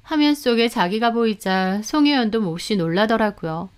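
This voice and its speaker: A woman narrating a dramatic first-person story in a measured way. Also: mid-range voice, clear, resonant tone.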